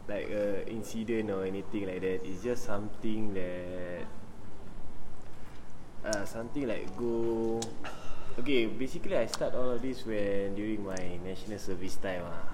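Young singaporean guy on a podcast, thick singlish with lah and ah, lowish voice, sweary casual chat, bit noisy. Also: moderate pace. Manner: colloquial Singlish with particles like lah, ah, sia; relaxed swearing. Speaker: podcast guest. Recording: background noise and room ambience.

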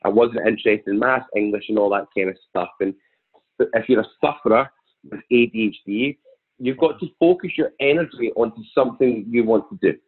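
A man's voice: mid-range voice, brisk, breathy edge. A thirty-year-old man with a broad Scottish accent from Glasgow, talking conversationally as a podcast guest. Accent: broad Glaswegian Scottish. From Glasgow, Scotland. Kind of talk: conversational interview, telling own story. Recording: thin, phone-like remote call audio.

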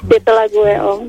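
A woman's voice: medium pitch, warm tone. A woman calling in to a radio show, earnestly asking for advice and rambling a little as she explains. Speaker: caller. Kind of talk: casual chat.

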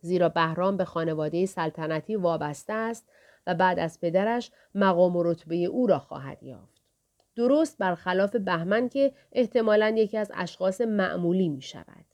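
A woman's voice: on the low side, darkish tone, dull audio, close to an everyday voice. Audiobook part: a woman doing a guarded aging king, formal and calculating, in a storybook reading. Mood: deliberate. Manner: measured, formal royal speech.

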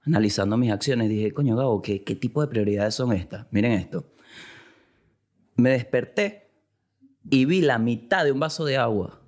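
A man with a Venezuelan accent hosting a casual comic monologue, animated and acting out little quoted exchanges, now and then breaking into loud outbursts. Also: medium pitch. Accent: Venezuelan Spanish. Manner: acts out dialogue in quick quotes. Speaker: podcast host.

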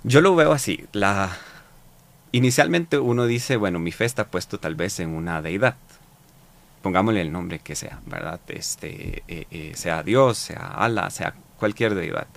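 A man with a Costa Rican accent answering interview questions in a reflective, halting way, with many fillers and repeated words. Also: deep voice, creaky. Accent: Costa Rican Spanish. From Costa Rica. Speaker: interview guest.

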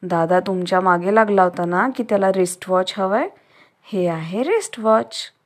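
A kind little sister in a children's story, voiced by a woman reader. The voice lifts well above the reader's own and stays gentle and earnest. It is a storyteller's sketch of a child. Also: mid-range voice, lively intonation, normal speed, natural voice. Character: sweet, sensible little girl, kind to her brother.

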